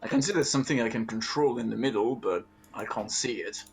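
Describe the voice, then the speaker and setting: A man plays a tabletop game and talks casually. His voice is of middling pitch. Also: a little fast, slightly rough. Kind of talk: casual chat.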